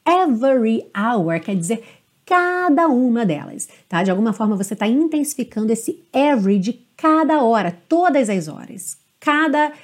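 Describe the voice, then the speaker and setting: A woman teaching English pronunciation of a song, speaking slowly and repeating lines to demonstrate. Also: fairly high pitch, big pitch swings. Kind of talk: pronunciation lesson.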